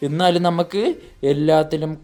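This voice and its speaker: A woman's voice: low-pitched, little pitch movement, normal speed, mellow. A woman giving dramatic, exclaiming gameplay commentary in character, constantly talking to her viewers. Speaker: gaming YouTuber.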